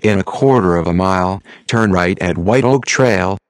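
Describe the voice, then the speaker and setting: A man's synthetic text-to-speech voice giving turn-by-turn driving directions in a flat, measured, impersonal way. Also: low-pitched, clear, resonant tone, no room sound, clean studio sound. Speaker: GPS navigation voice.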